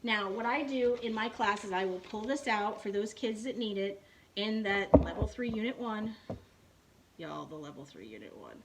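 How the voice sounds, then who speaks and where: A woman who teaches English online gives a casual tour of her home classroom setup, chatting straight to her viewers and repeatedly saying "y'all" and "right." Her voice is on the high side with fairly even intonation at normal speed, and the recording is very noisy.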